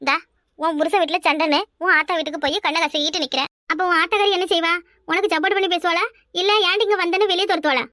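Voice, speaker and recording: A woman's voice: extremely high pitch, steady tone, very fast, sharp tone, dry recording, clean studio sound. A woman voicing a scolding village mother-in-law with a Kanyakumari accent. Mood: defensive. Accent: Kanyakumari Tamil. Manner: nagging, defensive, calls others "ஏட்டி". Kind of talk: cartoon voice acting.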